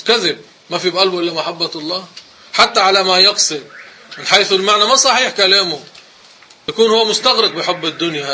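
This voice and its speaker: A male sheikh moves quickly through a religious lesson, his voice pitched high. His tone is tense and cutting as he insists on what may and may not be said, with a faint hum of room noise behind him. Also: bright, forceful tone. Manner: emphatic, corrective explaining. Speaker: religious teacher. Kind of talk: religious lesson with commentary on a text.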